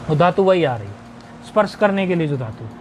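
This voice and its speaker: A man teaching Sanskrit grammar in a recorded video lesson, explaining step by step, asking and answering his own questions, and reciting word forms slowly in a list. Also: on the high side, lively intonation, a little hiss or hum.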